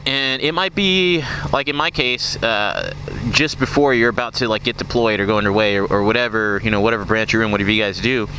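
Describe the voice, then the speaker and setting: A man's voice: lowish voice, fairly quick. A young man giving casual, rambling advice as he rides, with a slight lisp and puffy-cheeked speech as after wisdom tooth removal. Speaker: motorcycle vlogger; navy submarine sonarman. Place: outdoors, riding a motorcycle at night. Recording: clear vehicle and road noise. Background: engine, traffic and outdoor noise.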